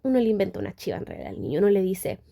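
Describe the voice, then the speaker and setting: A woman's voice: mid-range voice, huge pitch swings, rapid-fire, vocal fry, mellow. A young woman giving a lecture to students, explaining step by step and checking in with short questions. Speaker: speech therapy lecturer.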